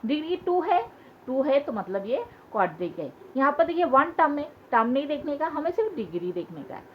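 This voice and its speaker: A woman's voice: high-pitched, sing-song, fairly quick. A woman teaching a school maths lesson, patiently repeating key points and asking questions as she explains. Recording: dull lo-fi sound with faint hiss.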